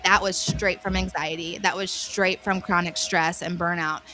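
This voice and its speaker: A woman's voice: fairly low pitch, fairly even intonation, normal speed, pushed and bright. Earnest woman coaching on stress. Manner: earnest, faith-based coaching tone. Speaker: wellness guest. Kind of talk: conversational radio interview.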